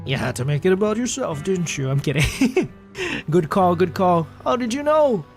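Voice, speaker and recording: Hyped up dude reacting to a game, kinda high voice, cracking jokes, faint guitar music behind. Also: male voice, sing-song, normal speed, gravelly. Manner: hyper, joking, swearing, laughing often. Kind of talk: casual reaction commentary.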